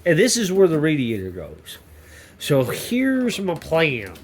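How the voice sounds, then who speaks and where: This maker-channel YouTuber has a fairly high voice with huge pitch swings and a slow delivery. Congested from a cold, he rambles, cracks jokes and cuts himself off mid-sentence while vlogging from his home workshop.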